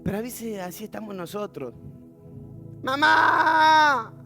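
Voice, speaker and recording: A man's voice: high-pitched, moderate pace, faint music behind. A man with a Rioplatense accent preaching a sermon as pastor, telling stories with humor and acting out the voices of others. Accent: Rioplatense Spanish. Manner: animated storytelling with humor, acting out quoted voices.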